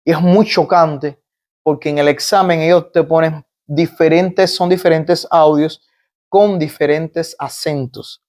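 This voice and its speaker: Halting Cuban man explaining things. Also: on the high side, steady tone, darkish tone. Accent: Cuban Spanish. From Cuba. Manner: halting, restarts phrases, explains step by step with examples. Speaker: guest, migrant doctor. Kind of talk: conversational interview explanation.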